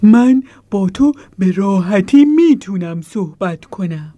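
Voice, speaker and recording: A woman's voice: mid-range voice, lively intonation, dark tone, no echo, natural voice. A woman voicing an earnest, playful bear in a children's audio story. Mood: gentle.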